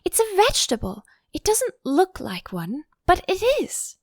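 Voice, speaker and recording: A woman's voice: high voice, sing-song, measured pace, creaky, dry recording, clean studio sound, voice pushed up, full character voice. A woman voicing a polite, curious young girl in a storybook, careful and earnest in manner. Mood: earnest, corrective.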